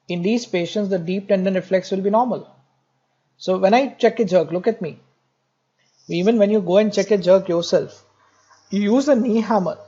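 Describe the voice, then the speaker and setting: A man lectures on medicine in a high, mellow voice. He mixes jokes into his explanations and keeps repeating the key points for his students. The recording sounds dull and lo-fi. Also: breathy edge. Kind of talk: classroom lecture.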